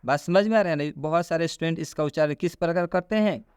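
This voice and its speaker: A man's voice: on the high side, a little mellow, smooth, no room sound, clean studio sound. A man teaching a lesson, explaining step by step, repeating points and asking the listener questions. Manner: slow, repetitive, asks the listener questions.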